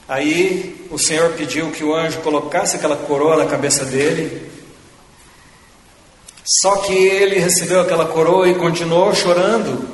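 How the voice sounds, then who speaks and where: A man preaching a sermon, slow and fervent, rising in force and then falling to a hush. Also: fairly high pitch, slight background noise. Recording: echoey hall with long reverb.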